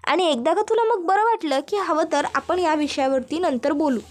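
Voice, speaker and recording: A woman's voice: sits high, normal speed, close to an everyday voice. A woman voicing a caring middle-aged mother-in-law who speaks soothingly and reassuringly.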